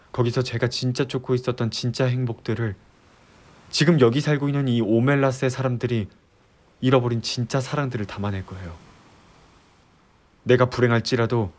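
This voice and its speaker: In a Korean ASMR audio drama roleplay, a male audio drama creator and voice actor plays an earnest, disillusioned young fiancé who has resolved to leave utopia. His medium-pitched, lightly acted voice delivers a heartfelt, pleading monologue with deliberate pauses over background music.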